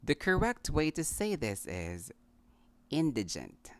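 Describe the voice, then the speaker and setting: Man, Filipino accent, pronunciation lesson, unhurried, lively pitch. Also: no room sound. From Philippines. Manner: deliberate, repeats each word slowly, mixes in Tagalog phrases. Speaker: English teacher.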